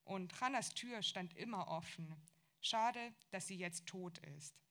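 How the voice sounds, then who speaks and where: A woman reading a literary novel aloud in German, calm and even in the narration and livelier in the quoted dialogue. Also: on the low side, slow. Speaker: reader of a novel. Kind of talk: audiobook reading of literary fiction.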